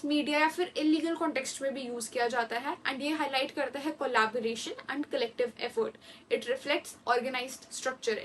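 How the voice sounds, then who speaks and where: A woman teaching exam vocabulary, reading English definitions slowly and explaining them quickly in mixed Hindi and English. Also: sits high, recorded from a distance, slight background noise, low-quality recording. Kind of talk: exam-prep vocabulary lesson.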